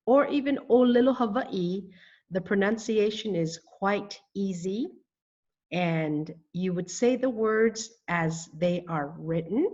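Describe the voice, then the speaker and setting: A woman teaching a beginner language lesson at an unhurried pace, stretching each new word out syllable by syllable. Her pitch sits in a middle range. The recording sounds a little dull and lo-fi. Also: darkish tone. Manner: slow, deliberate, spells out words syllable by syllable. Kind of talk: scripted lesson narration.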